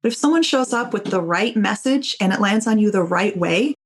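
A woman's voice: medium pitch, animated, fairly quick, breathy edge. A woman being interviewed as a copywriting guest, explaining her ideas thoughtfully with everyday examples. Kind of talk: interview answers.

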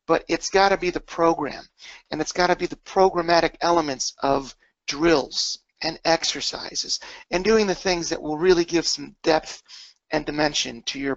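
A man's voice: high-pitched, fairly bright tone, dry recording, dull audio. A man giving an emergency preparedness webinar, emphatic, stressing words and stacking up lists. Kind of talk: webinar presentation.

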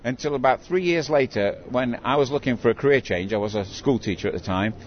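A man's voice: medium pitch, quick pace. An older man who works as a town crier, telling stories conversationally in an interview. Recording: dull recording with clear background noise.

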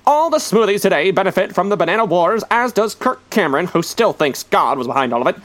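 A man's voice: high-pitched, sing-song, quick pace, a bit bright. A man narrating history segments in a comic mock-newsreel announcer style, dry and wry. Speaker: radio show host.

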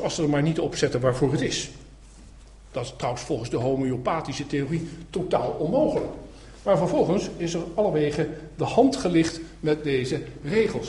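Sarcastic male lecturer in an echoey hall. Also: on the high side. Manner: animated, sarcastic, mimics quoted voices. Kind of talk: public lecture with slides. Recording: echoey hall, faint noise.

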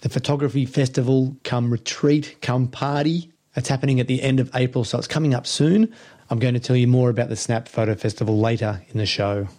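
A man's voice: mid-range voice, fairly even intonation, a little fast, dark tone. A man hosting a photography podcast, friendly and casual, often calling his guest mate and laughing. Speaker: podcast host. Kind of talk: podcast interview.

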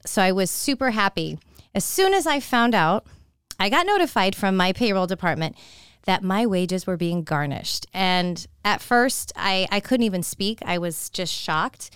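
A woman's voice: mid-range voice, a bit bright, clean tone, no echo, studio quality. A woman in her forties hosting a solo podcast, talking candidly and confidingly about her year, often restarting her sentences. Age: 40s. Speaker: podcast host. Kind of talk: casual solo podcast monologue.

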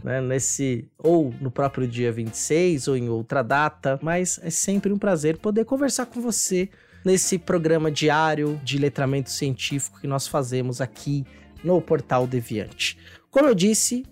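A Brazilian woman hosts a podcast in a fairly low voice. She explains things conversationally, often checking in with small tag questions. Faint music sits behind her informal presentation. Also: lively intonation, a little slow, a little mellow. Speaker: podcast host.

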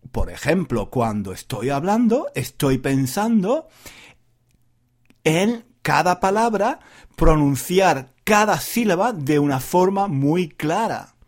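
A man from Granada teaching Spanish to learners, talking slowly and clearly, pronouncing every syllable and repeating himself often. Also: fairly high pitch, darkish tone. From Granada, Spain. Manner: deliberate, carefully enunciated, repetitive. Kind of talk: slow teaching monologue for learners.

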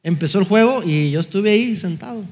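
Middle-aged mexican guy preaching, tells a story and acts out the lines, pokes fun at himself, voice a bit high. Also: brisk. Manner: animated storyteller who acts out dialogue with light self-mocking humor. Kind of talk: storytelling sermon.

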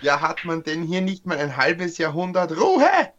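A man voicing a grumpy, croaking robot speaking through an intercom in a text adventure game. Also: a little high, very animated, a little slow, fairly bright tone, muffled recording, voice pushed up. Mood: angry. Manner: angry, gruff, grumbling. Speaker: player reading a text adventure aloud. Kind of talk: reading game text aloud in a voice.

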